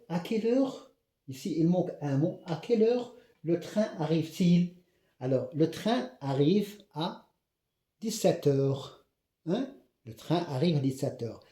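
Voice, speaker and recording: Moroccan male teacher, very mellow, lively pitch, echoey room, patient drill-style explaining. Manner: repeats example questions slowly, checks understanding often. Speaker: French teacher. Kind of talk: classroom grammar lesson.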